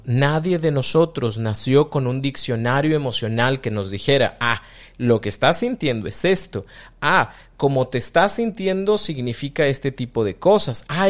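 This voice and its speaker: A man with a Mexican Spanish accent, hosting a podcast as a reflective, conversational monologue about emotions, often acting out what other people say. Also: fairly high pitch. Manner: conversational, acts out quoted parents and friends. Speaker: podcast host.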